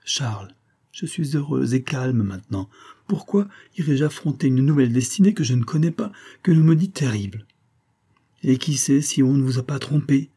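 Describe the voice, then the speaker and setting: A man's voice: mid-range voice, lively intonation, moderate pace, dark tone, husky, voice pushed up. A man reading the lines of a proud, melancholy young noblewoman in an earnest, reproachful way.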